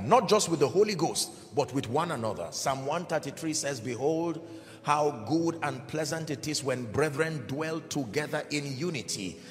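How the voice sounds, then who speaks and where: A man preaching a sermon in an emphatic, deliberate way, calling out to his audience. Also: fairly high pitch. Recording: reverberant hall with faint background music.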